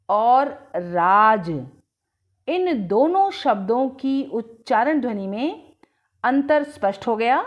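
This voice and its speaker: Woman teacher, very slow pace, lively rising and falling pitch, deliberate enunciation. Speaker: Hindi teacher. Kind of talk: slow scripted lesson narration.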